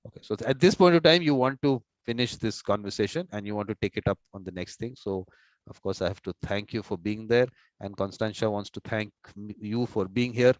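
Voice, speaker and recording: A man's voice: lowish voice, a little fast, dry recording. Talkative man on a dull call. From India. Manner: talkative, repeats words while planning aloud. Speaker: host and mediator. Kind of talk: informal video-call conversation. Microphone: video call.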